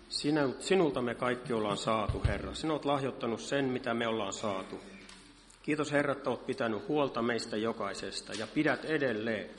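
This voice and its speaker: A man's voice: mid-range voice, a bit bright. A man leading a church service, praying in an earnest, fervent way. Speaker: worship leader. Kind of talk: spoken prayer. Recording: reverberant church hall with faint noise.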